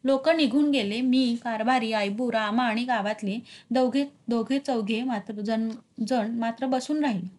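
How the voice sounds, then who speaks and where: A woman's voice: on the high side, a little slow, a little mellow. Woman reading a novel with expression. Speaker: literature teacher.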